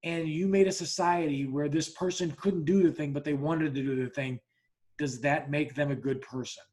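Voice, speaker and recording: A slightly mellow man with a high-side voice and steady tone hosts a laid-back podcast chat at a moderate pace. He delivers a blunt story with repeated restarts, swears without holding back, and plays both speakers in the dialogue he quotes.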